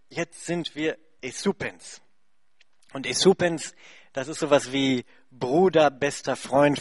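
A man's voice: on the high side, no echo, studio quality. A German man who heads a charity, interpreting for a guest and then telling a congregation a story, chatty and full of fillers. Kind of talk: speaking to a church congregation.

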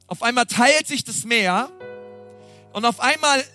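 A middle-aged man preaching a sermon as pastor, energetic and exclamatory, constantly addressing his listeners directly. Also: very high-pitched, unhurried, soft background music.

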